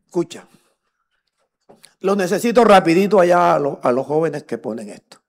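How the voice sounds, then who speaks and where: A middle-aged man with a Colombian accent, preaching a teaching sermon, swinging between loud emphatic lines and quiet muttered asides and joking with the congregation. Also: a little high, lively intonation, moderate pace, vocal fry. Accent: Colombian Spanish. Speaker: pastor.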